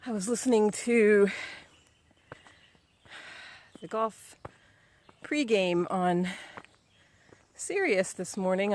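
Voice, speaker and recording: A middle-aged woman records a casual training update outdoors in the woods. She talks slowly and easily, relaxed and chatty. Her voice sits at a middle pitch, and she encourages herself as she goes. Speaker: vlogger. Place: outdoors on a woodland ride.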